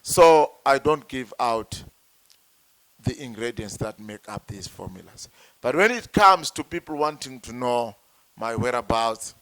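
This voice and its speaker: A man from Zimbabwe, a traditional healer, explaining slowly and deliberately and repeating words as he searches for them. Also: medium pitch, expressive, fairly bright tone, no echo. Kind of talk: slow explanatory talk.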